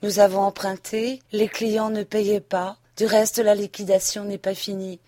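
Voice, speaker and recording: A woman reading an audiobook and voicing a passionate young wife who pleads and then reproaches, a little higher and louder than her narration. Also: flat delivery, a little slow, no room sound, studio quality, natural voice. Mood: urgent. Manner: impassioned, rising to reproach. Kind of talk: audiobook reading of a classic novel.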